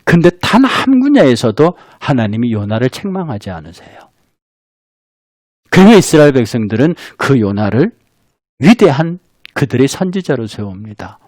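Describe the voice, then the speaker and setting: A man's voice: medium pitch, moderate pace, no echo, clean studio sound. A middle-aged man pastor preaching a sermon, talking straight to the congregation in a conversational way and acting out voices from the story. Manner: animated, acts out quoted dialogue of God and Jonah; conversational, addresses the congregation directly.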